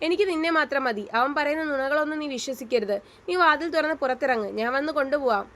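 A woman voicing a gentle young man who soothes and reassures his sweetheart in a read-aloud romance story. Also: sits high, fast. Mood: soothing. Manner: soft, coaxing.

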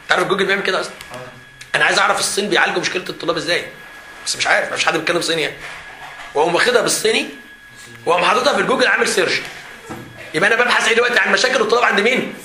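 An Egyptian man speaks to a room of students in a high, bright voice, rattling along at a very fast clip. He jokes and laughs through his points in a lively seminar style. The hall around him is echoey, with a faint hiss underneath. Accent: Egyptian Arabic. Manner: animated, joking, often laughing while talking. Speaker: teacher leading a student seminar.

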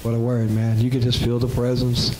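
A Southern US man hosts a talk show, chatting casually and backing up his guests with steady agreement. His mid-pitched voice carries a roomy studio echo, with a faint hiss underneath. He speaks into a handheld mic. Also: a little fast. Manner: affirming, says "that's right" often. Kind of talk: casual chat.

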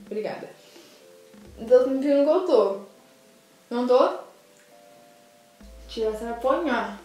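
This young Brazilian woman speaks slowly in a high voice as she tastes food for her casual vlog, gushing and animated as she addresses viewers directly. She's in a small indoor room beside a sofa. The poor-quality audio is reverberant, with soft music in the background.

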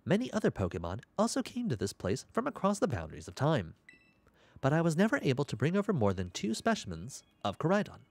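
A man voicing a formal, emotionless woman scientist in a video game, with flat, stiff amateur acting. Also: on the high side, fast talker, no room sound, full character voice. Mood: formal, detached.

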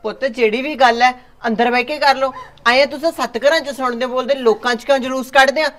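An older village mother, soothing and mediating, trying to calm her hot-tempered son, as an actress plays her. Her voice sits somewhat high, and she urges patience. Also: a little fast.

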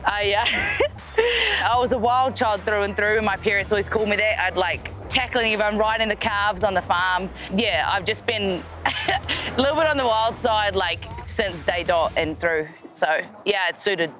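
A woman's voice: mid-range voice, moderate pace, music in the background. A woman in her twenties with a New Zealand accent, talking casually and cheerfully in a documentary interview about her fighting career. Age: 20s. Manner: casual, upbeat, laughs easily. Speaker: MMA fighter.

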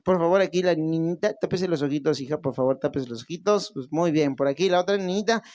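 High-voiced playful mariachi showman. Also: fast. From Peru. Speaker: mariachi singer. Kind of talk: live party hosting. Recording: loud live mariachi music behind.

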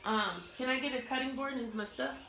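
High-pitched, gravelly, pushed and bright, a woman's voice comes a little fast over soft background music. She's a cooking vlogger in her thirties casually storytelling while cooking indoors at home, rambling with plenty of fillers and restarts. The roomy kitchen, distant camera across the room and clattering pans are all audible.

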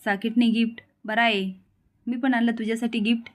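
A woman's voice: a little high, little pitch movement, a little fast, close to an everyday voice. A woman doing a domineering, bossy elder brother. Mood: bossy, angry. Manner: bossy, lecturing. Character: domineering elder brother, controlling and hot-tempered.

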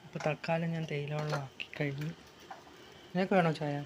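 A woman's voice: low-pitched, fairly even intonation, fairly quick, heavy background noise. A middle-aged woman chatting casually through her evening chores for a home vlog, explaining each step to viewers. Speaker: homemaker vlogger.

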